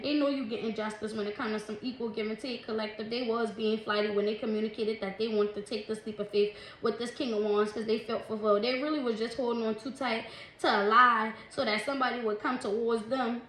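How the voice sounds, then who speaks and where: A woman doing a casual tarot reading, chatty and quick to laugh, who calls her listeners "collective" and "baby". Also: a little high, a bit bright. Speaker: tarot reader. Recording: echoey room, faint noise.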